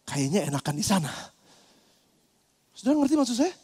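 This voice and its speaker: A man pastor preaching a sermon, animated and acting out quoted voices, at times breaking into shouts. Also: sits high, moderate pace, slightly rough. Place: church hall. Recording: long church hall reverb.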